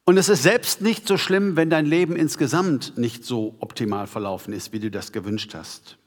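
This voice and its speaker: A man's voice: medium pitch, normal speed. Emphatic male preacher in a reverberant hall. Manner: emphatic, rhetorical questions to the congregation. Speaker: pastor. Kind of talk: sermon.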